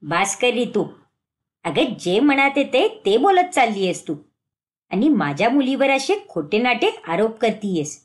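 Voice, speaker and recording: A woman's voice: on the high side, big pitch swings, unhurried. A woman voicing a stern middle-aged mother-in-law who scolds and commands. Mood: scolding.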